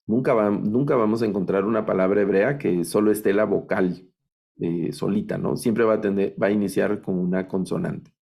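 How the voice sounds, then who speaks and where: A man teaching an online class, patiently repeating each word slowly for his students. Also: fairly low pitch, vocal fry, darkish tone. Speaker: Biblical Hebrew teacher.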